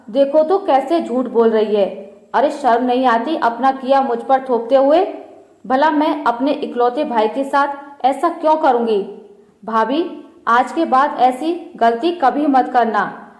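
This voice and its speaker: A woman's voice: high voice, measured pace, a little mellow. A woman reading the part of a proud, spiteful young sister-in-law who taunts and schemes in a storybook tale. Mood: indignant. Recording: roomy echo.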